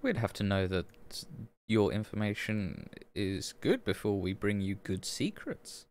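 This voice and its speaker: A man's voice: lowish voice, big pitch swings, a little slow. A man talking casually as a player in a tabletop role-playing game.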